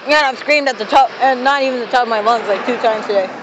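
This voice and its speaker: A man's voice: very high-pitched, fast. A young man vlogging outdoors on a city street, chatting in an exasperated, bossy way into a phone. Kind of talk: casual vlog chat while walking. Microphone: phone held while walking. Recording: phone recording with traffic noise.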